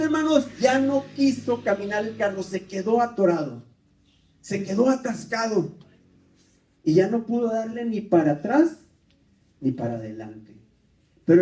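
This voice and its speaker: A man's voice: very high-pitched, warm tone. A man preaching a storytelling sermon in a church, fervently addressing the congregation as brothers. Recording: echoey church, mic at a distance.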